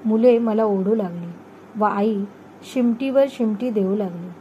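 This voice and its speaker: A woman reading a storybook aloud in a steady, expressive way. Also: medium pitch, a little slow, muffled recording, slight background noise. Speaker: story reader.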